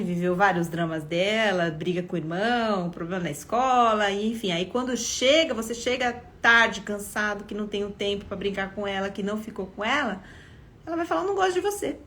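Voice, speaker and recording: A middle-aged woman with a Brazilian Portuguese accent speaks at a medium pitch, giving parenting advice on a live stream. She keeps it conversational and keeps checking in with her listeners as she tells her story. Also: normal speed, a bit bright. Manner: conversational, frequent "né?" and "tá?" check-ins. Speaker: parenting educator.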